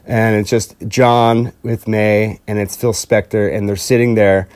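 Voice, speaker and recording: A man's voice: lowish voice, level tone, unhurried, darkish tone, clean tone, dry recording. A man casually retelling a story as a podcast host, rambling with fillers and restarts and acting out quotes in a livelier voice.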